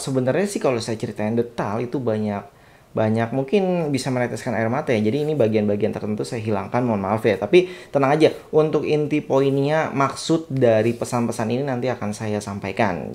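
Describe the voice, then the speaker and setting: A man's voice: mid-range voice, a little mellow. A young man hosting his own channel, telling a personal story in a chatty, reflective way and speaking directly to his viewers. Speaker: satellite dish installer and channel host. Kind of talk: casual storytelling vlog.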